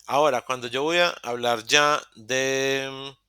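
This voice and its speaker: A man teaching a virtual English lesson, his voice bright and sharp-edged in a dry, close recording. He walks through each point patiently, pausing to ask "ok?" and restarting words when he slips. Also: medium pitch, fairly even intonation, clear, resonant tone, no room sound. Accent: Latin American Spanish. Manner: patient, explaining step by step with frequent "ok?" checks; self-correcting, restarts mid-word. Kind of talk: online beginner English class. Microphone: computer mic in a virtual session.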